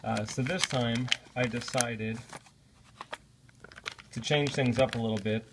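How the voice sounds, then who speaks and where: A man's voice: medium pitch, fairly even intonation, takes it slowly, noisy background. A man presenting a casual unboxing vlog, talking in a friendly, apologetic way with frequent "uh" fillers. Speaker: product reviewer.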